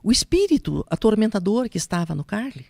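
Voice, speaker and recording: A woman telling an emotional personal testimony, slipping into soft whispers and a preaching tone. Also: medium pitch, sing-song, a little fast, vocal fry, no echo. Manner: emotional, drops to soft whispers when recounting quotes; preaching tone on spiritual points. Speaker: guest giving testimony.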